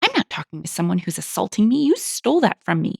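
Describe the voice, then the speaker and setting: A woman's voice: very animated, fast, gravelly, darkish tone, slightly rough, no room sound, clean studio sound, exaggerated voice. Woman voicing an entitled screaming accuser. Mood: accusing, shrill. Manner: shrill and accusatory. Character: angry entitled woman accusing a stranger of theft.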